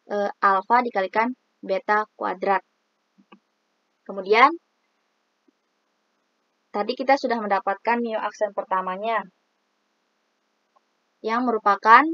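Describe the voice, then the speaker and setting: A student presents a statistics exercise on screen, reading the formulas aloud step by step and hesitating with many fillers. Her medium-pitched voice comes through a muffled recording.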